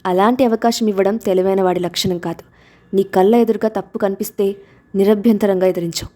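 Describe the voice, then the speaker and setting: A woman's voice: mid-range voice, steady tone, fairly quick, mellow, natural voice. A woman voicing a commanding, protective father who speaks in stern warnings in a storybook reading.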